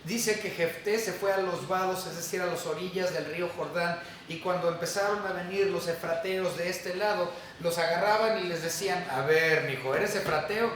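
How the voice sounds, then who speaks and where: A male pastor preaches a sermon in a chatty, question-asking manner, with a somewhat high voice. He is picked up from a distance in a very reverberant church hall. Faint room noise sits underneath. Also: fairly even intonation, normal speed, hardly any pauses, fairly bright tone. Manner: conversational, asks the congregation questions. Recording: echoey hall from far off.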